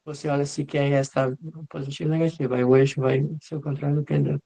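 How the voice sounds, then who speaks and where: A man's voice: a little high, flat delivery, fast, gravelly, dark tone. A man teaching a live online class in an informal way, answering students by name and acting out what the leads are saying. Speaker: medical lecturer.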